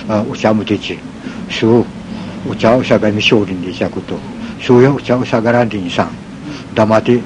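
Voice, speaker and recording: A man with an Okinawan accent telling a folk tale in a halting way, pausing often with fillers. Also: on the low side. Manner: halting, with many pauses and fillers. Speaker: folk storyteller. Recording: noisy recording with ambient hiss.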